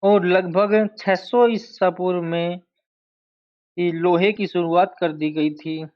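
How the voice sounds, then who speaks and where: Male teacher, fairly high voice, exam-prep lecture, drills key terms, dull lo-fi recording. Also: steady tone. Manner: slow, deliberate, repeats key terms to drill them. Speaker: history teacher. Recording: dull lo-fi sound.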